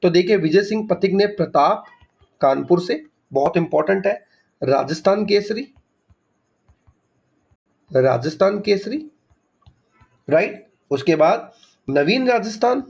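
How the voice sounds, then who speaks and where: A man's voice: high-pitched, expressive, unhurried, gravelly, pauses often, a little mellow, dull audio. A man teaching an exam revision lesson, asking questions and answering them himself, repeating key facts, mixing English words into his explanation. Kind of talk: MCQ revision lecture.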